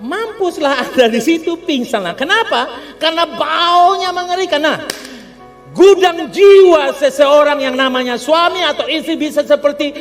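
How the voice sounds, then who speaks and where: A man preaching a humorous, animated sermon, calling on the congregation to respond. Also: very high-pitched, normal speed. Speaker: pastor. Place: church hall. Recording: long church hall reverb with faint music.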